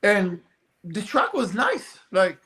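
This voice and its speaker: Bright, high-voiced man chatting casually. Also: slow pace. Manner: rambling, animated storytelling with frequent fillers. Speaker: guest, RC car racer. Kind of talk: casual podcast chat.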